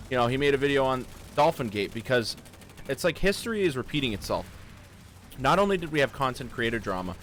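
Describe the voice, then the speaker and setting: A man's voice: medium pitch, a bit bright, slight background noise. A man in casual gaming chat, rambling on while playing a game at the same time.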